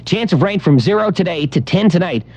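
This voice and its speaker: A man's voice: high-pitched, expressive, brisk, a little mellow, dull audio. A man hosting a morning radio show, joking and rattling off times, weather and scores.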